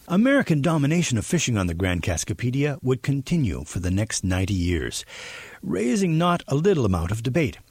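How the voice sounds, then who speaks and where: Male documentary narrator, husky, animated pitch, music bed. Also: brisk, no room sound. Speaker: reporter narrator.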